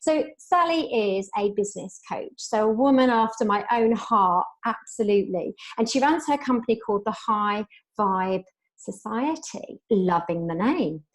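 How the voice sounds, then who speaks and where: A woman's voice: mid-range voice, expressive, moderate pace. A woman hosting a conversational podcast, enthusiastic and effusive as she introduces and questions her guest. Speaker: podcast host, business coach. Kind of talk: casual interview chat.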